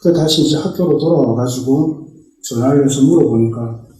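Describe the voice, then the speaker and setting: A middle-aged man tells his church testimony like a story and slips into family members' lines as he goes. His voice is mellow and dark. It rings through a big echoey church hall, picked up from well back. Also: medium pitch, a little fast, distant mic. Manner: storytelling, acting out family dialogue. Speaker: church deacon giving a testimony. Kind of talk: personal testimony told as a story. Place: church sanctuary.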